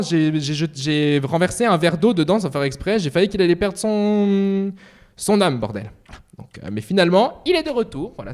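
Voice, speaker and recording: An excitable man in his twenties hosts a casual livestream chat. His voice sits very high for a man and swings widely up and down. He swears freely and keeps breaking into playful outbursts. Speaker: streamer.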